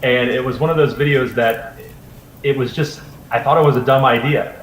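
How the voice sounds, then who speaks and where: An easygoing man in his forties tells stories as an interview guest, his talk loose and full of fillers. His voice sits at a middle pitch and rings around a roomy space. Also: steady tone, normal speed, a little hiss or hum. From Raleigh, North Carolina. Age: 40s. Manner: easygoing storyteller, frequent fillers. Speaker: interview guest, video creator. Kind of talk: casual interview chat.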